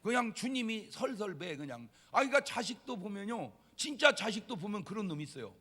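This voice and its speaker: A man's voice: high voice, very animated, a little fast, sharp tone, big-room sound. A man preaching a sermon as a pastor, emphatic and dramatic, asking rhetorical questions.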